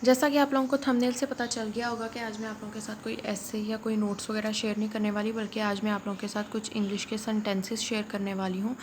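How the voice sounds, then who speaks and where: A woman, teaching English phrases in a spoken lesson and patiently repeating each one slowly. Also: medium pitch, level tone. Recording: faint background noise.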